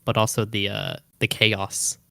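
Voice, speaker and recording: A man as a podcast guest, deadpan and halting, with many fillers. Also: lowish voice, vocal fry, dry recording. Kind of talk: casual podcast chat.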